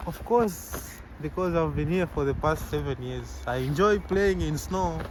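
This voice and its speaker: A young man, a medical student answering street-interview questions outdoors in a relaxed, easygoing way. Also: a little high, measured pace, slight background noise, poor audio. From Zambia. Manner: easygoing, chuckles between answers, repeats "yeah".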